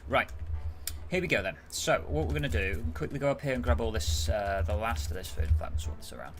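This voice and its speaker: A man's voice: on the low side, expressive, fairly quick, creaky, faint music behind. A British man casually commentating his game on a live stream, chatting with viewers as he plays. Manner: chatty, reads and answers chat while playing. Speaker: gaming streamer.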